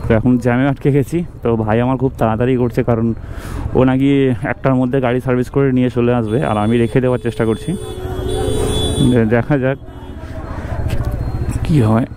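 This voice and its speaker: Fast-talking West Bengal man motovlogging through traffic noise. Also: medium pitch, fairly even intonation. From West Bengal, India. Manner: chatty, colloquial, addressing viewers directly. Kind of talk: casual riding vlog chat to viewers. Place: outdoors, riding a motorbike in traffic. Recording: outdoor traffic and engine noise. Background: road traffic, vehicles.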